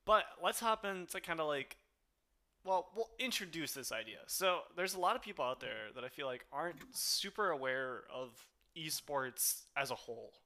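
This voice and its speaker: A man's voice: a little high, animated, normal speed, sharp tone. A young man hosting a podcast, chatty and rambling, often laughing between remarks. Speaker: podcast host. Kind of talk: casual podcast chat.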